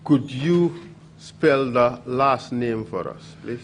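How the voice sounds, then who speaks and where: A man questioning a witness at a formal hearing, speaking in a slow, measured, procedural way. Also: medium pitch, slight background noise.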